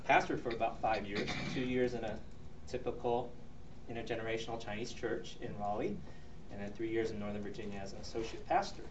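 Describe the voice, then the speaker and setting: Middle-aged Taiwan-born man, earnest ministry speaker, halting delivery; roomy, distant, muffled recording. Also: mid-range voice. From Taiwan, raised in the U.S. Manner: earnest, with frequent ums and restarts. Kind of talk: presentation to a church audience. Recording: roomy, distant, dull recording with faint noise.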